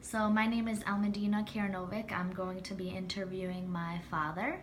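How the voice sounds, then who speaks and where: A woman's voice: mid-range voice, little pitch movement, moderate pace. Young woman, interviewer, polite, formal, faint background noise. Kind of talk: interview questions.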